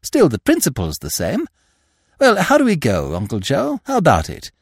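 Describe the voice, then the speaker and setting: A man's voice: wildly swooping pitch, normal speed, slightly rough, dry recording, studio quality, heavily acted. Man doing a chirpy young toff. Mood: excited. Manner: eager, chattering, high-spirited. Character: excitable, breezy young upper-class Englishman.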